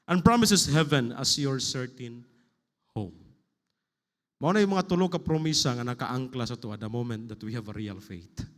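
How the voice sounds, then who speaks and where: A man's voice: mid-range voice, lively intonation, normal speed, fairly bright tone. A male pastor preaching a sermon, switching between Cebuano and English. He reads scripture aloud and builds emphatic, rising lists. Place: church sanctuary. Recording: hall reverb.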